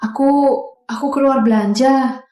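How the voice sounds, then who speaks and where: A woman's voice: a little high, steady tone, unhurried, darkish tone, reverberant, close to an everyday voice. A woman voicing a pregnant young wife who stammers and dodges questions in a dubbed drama. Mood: nervous. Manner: hesitant, stammering, evasive.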